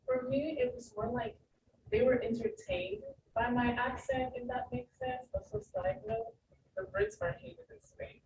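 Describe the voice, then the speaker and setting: Animated, lively-voiced woman on a panel. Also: high-pitched, measured pace, creaky. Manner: animated, laughing, acts out exchanges. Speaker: student panelist. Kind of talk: panel discussion, casual. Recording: echoey room, distant mic, background noise.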